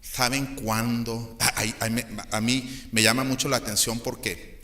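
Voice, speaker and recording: A man's voice: medium pitch, flat delivery, unhurried, bright, forceful tone. A man with a Mexican Spanish accent preaching a sermon as pastor, joking with his listeners and acting out the voices he quotes.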